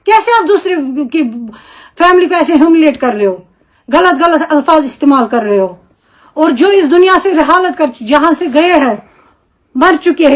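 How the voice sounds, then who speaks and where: A woman's voice: very high-pitched, fairly bright tone. A Kashmiri-accented woman, a homemaker and mother, who scolds indignantly in an angry video statement and fires off one rhetorical question after another.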